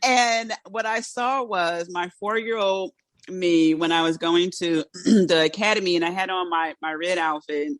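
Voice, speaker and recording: This woman hosts a podcast, keeping the interview relaxed and laughing frequently in her South Philadelphia accent. Her voice is fairly low with fairly even intonation and a measured pace, free of echo, though her brackets thicken her speech slightly.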